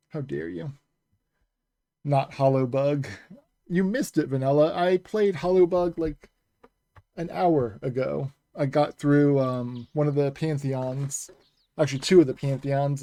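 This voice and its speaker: Over a headset, a man streams a video game, chatting casually with viewers as he plays while game music runs in the background. His voice is mid-range and dark with vocal fry, and there's no echo.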